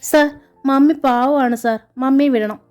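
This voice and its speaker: A woman's voice: high voice, fairly even intonation, takes it slowly, a little mellow, voice pushed up. A woman voicing a desperate young woman who begs officers to spare her family, read from a novel. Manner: begging, tearful urgency.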